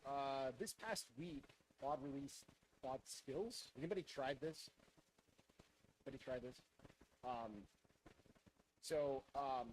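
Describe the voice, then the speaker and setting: A man's voice: mid-range voice, a little mellow, a little hiss or hum, poor audio. A man giving an informal technical lightning talk, often restarting and repeating his phrases.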